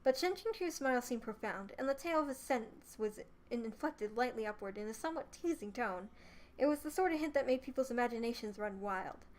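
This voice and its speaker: A young adult woman streamer narrating a novel live, reading aloud in an expressive, theatrical way. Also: fairly high pitch, a little fast.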